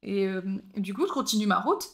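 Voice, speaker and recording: A woman's voice: medium pitch, a little fast. A young woman co-hosting a podcast, telling a story in casual chat and acting out the people she quotes. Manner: animated, acts out quoted voices. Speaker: podcast co-host.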